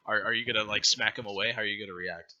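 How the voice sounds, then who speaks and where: A man's voice: fairly low pitch, fairly even intonation, rapid-fire, bright, forceful tone, muffled recording. A man narrating as game master in a tabletop game, loose and rambling, often breaking into laughter.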